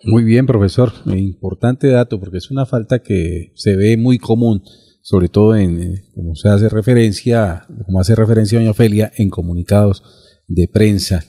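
A radio host with a low, warm, mellow voice. He reads listeners' questions in a polite, formal manner, with frequent hesitations and fillers. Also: moderate pace, slightly rough. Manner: courteous, formal, many fillers. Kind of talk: radio segment hosting.

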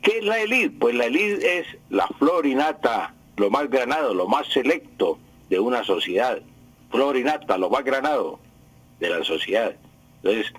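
Older husky-voiced man explaining. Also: medium pitch, a bit bright, no room sound, rough recording. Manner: didactic, repeats key words. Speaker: language expert answering listener questions. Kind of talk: radio call-in explanation.

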